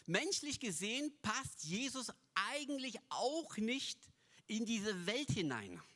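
A man's voice: extremely high pitch, sing-song, slow, bright, forceful tone. A man giving a Christmas sermon in a folksy storytelling manner, with chatty asides to the congregation. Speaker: preacher.

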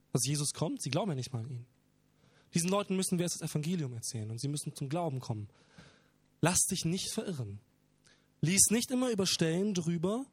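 Brief: earnest male preacher, high voice, dry close sound, explaining scripture with emphasis. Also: husky, dry recording. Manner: earnest, emphatic, retelling parables. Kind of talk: sermon.

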